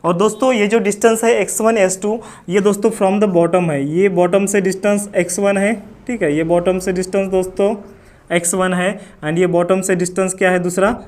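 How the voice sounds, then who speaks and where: A man's voice: high-pitched, fairly even intonation, moderate pace, a little mellow. An Indian man teaching a physics lesson, mixing English into Hindi and asking questions that he answers himself. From Maharashtra, India. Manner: addresses students as friends, mixes English into Hindi, asks and answers himself.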